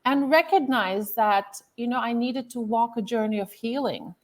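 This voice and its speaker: Chatting casually as an interview guest, this Turkish author and transformational coach in her thirties recounts her life in a loose, filler-heavy way. She talks at a normal speed in a voice on the high side.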